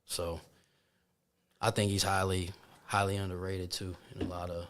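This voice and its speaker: A man's voice: deep voice, little pitch movement, moderate pace, fairly bright tone. A man from Florida, a podcast guest, talking in an easygoing way, often repeating words as he thinks and tossing in "man". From Florida, USA. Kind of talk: casual interview chat.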